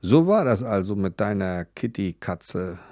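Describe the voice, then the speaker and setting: A man's voice: fairly low pitch, very animated, measured pace, mellow, dry recording, studio quality. An actor narrating a children's audio drama as a wry, skeptical man. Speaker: Klaus, narrator and friend.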